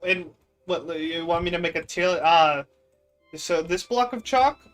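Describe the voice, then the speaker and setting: A man's voice: fairly high pitch, a little slow, a bit bright, soft background music. A young man playing a block-building game and chatting casually, rambling and incredulous as he teases his chat. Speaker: gaming streamer. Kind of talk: casual gaming commentary.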